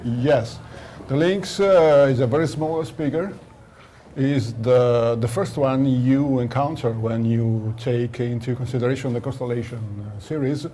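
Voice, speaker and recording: Speaking unhurriedly in a mellow, medium-pitched voice, a loudspeaker designer lays out technical details during an interview amid the noise of a Milan audio trade show. He takes a teacherly tone and often gropes for words.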